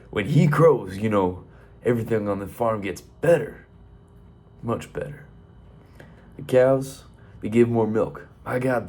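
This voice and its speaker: A man voicing a gruff, cagey old male farmer who talks in a folksy drawl. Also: mid-range voice, a little mellow, pitched above the performer's own voice. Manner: gruff, drawling folksy talk with 'by God'.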